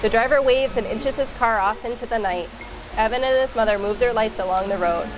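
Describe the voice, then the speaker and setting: A woman with a voice on the high side reads a children's picture book aloud at a brisk pace, using an expressive storytelling style over background music.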